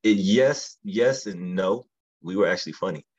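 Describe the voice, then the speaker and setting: Very deep-voiced husky comedian man. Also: moderate pace, darkish tone, dry recording, highs cut off. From lives in Atlanta area. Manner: laid-back, slangy, storytelling with quoted voices. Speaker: stand-up comedian, guest. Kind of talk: casual podcast chat.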